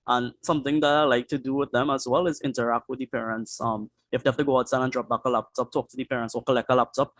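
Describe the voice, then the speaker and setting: A man's voice: mid-range voice, no room sound. A man with a Trinidadian accent speaking casually as a panelist, chatty and repeating himself. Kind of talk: online panel discussion.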